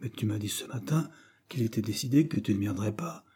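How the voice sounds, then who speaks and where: A man's voice: on the low side, lively intonation, fairly quick, warm tone, breathy edge. A man voicing a sulky, idle schoolboy who grumbles impatiently.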